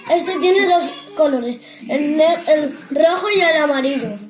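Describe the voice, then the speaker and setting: A very high-pitched child with a Castilian Spanish accent presents a simple craft tutorial. The delivery is sing-song, with small stumbles and repeated words. The room sounds echoey. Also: a little slow, music in the background. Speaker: child host of a crafts channel.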